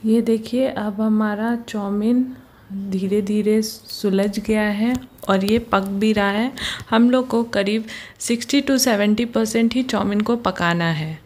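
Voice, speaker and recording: With a mid-range, darkish voice and fairly even intonation, a woman patiently narrates a recipe on her home cooking channel. Working in her home kitchen, she speaks slowly, frequently drawing the viewer's attention with a repeated "ye dekhiye".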